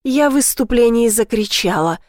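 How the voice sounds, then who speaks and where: A woman narrating a first-person romance audiobook in a soft, unhurried, intimate reading. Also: fairly high pitch, animated, no echo, clean studio sound.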